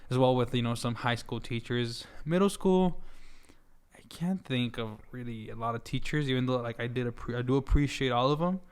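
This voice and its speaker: A young man about twenty, from Juarez, Mexico, talks as a guest musician in a relaxed interview. His voice is smooth and clear, sitting at an ordinary middle pitch. He rambles, restarts often and laughs easily. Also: normal speed. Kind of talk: casual interview chat.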